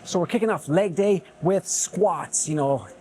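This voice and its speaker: A man's voice: high-pitched, a little slow, darkish tone, a little hiss or hum. A man in his forties vlogging casually to camera in a gym, hyping himself up and joking at his own expense. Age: 40s. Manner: upbeat, self-mocking hype talk. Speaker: fitness vlogger. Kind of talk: casual vlog talk to camera.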